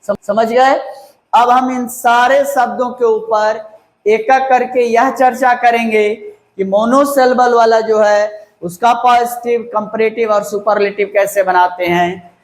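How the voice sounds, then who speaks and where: A man teaching a grammar lesson to a class. He talks slowly and repeats key words, spells them out letter by letter and keeps checking whether the class understood. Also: very high voice, fairly even intonation. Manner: slow, repeats and spells words out, asks "clear?". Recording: echoey room.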